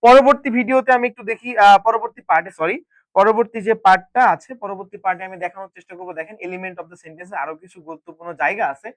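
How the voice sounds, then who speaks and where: A man's voice: high-pitched, quick pace, no echo. A man teaching a grammar lesson, often putting a question to the viewers and answering it himself. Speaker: English teacher. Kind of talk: classroom-style grammar lesson.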